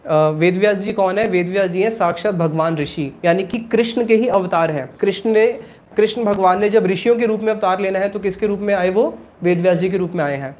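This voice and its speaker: A man's voice: high voice, fairly quick, darkish tone, muffled recording. A man teaching a religious class, explaining step by step, asking questions and then answering them himself, with English words mixed into his casual Hindi.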